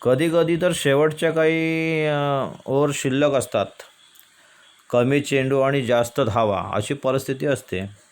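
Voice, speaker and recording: A man's voice: medium pitch, steady tone. Man teaching a poem. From India. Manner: explains slowly, asks and answers his own questions; recites verses in a slow chant. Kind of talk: Marathi poetry lesson.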